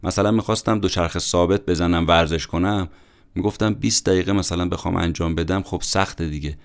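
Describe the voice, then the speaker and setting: A man with a low, gravelly voice gives a book summary in a relaxed, chatty podcast manner. He speaks conversationally, with colloquial asides. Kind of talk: casual book-summary narration.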